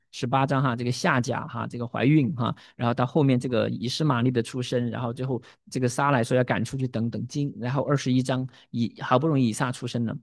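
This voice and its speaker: A middle-aged man preaching a sermon as pastor, animated, asking rhetorical questions and dropping in English words. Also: medium pitch, vocal fry, dry recording, clean studio sound. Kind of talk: expository sermon.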